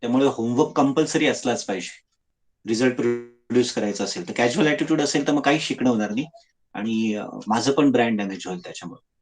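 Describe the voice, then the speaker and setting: A man's voice: medium pitch, fast. A man teaching an online class, spelling words letter by letter and laying down firm rules. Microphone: video call.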